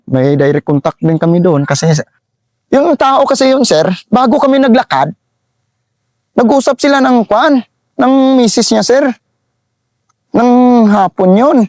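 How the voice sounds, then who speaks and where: A middle-aged man with a Visayan accent, an army sergeant telling a war story in a halting way, repeating phrases and often saying "sir". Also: high-pitched, vocal fry, darkish tone, no echo, studio quality. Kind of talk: interview storytelling.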